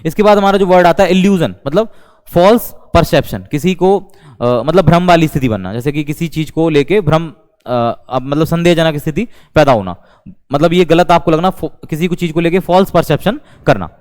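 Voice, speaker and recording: A man with an Indian accent lectures on English vocabulary, repeating terms as he explains them. His voice is a little high and darkish in tone, he talks fairly quickly, and a long reverb tail trails behind. He tends to repeat words and mixes Hindi with English.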